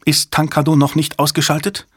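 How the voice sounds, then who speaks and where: A man's voice: on the high side, completely flat delivery, fairly quick, fairly bright tone, breathy edge, dry recording, studio quality, voice pushed up. Furious hissing businessman, menacing, voiced by a man, audiobook thriller. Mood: angry. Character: cold, menacing male businessman.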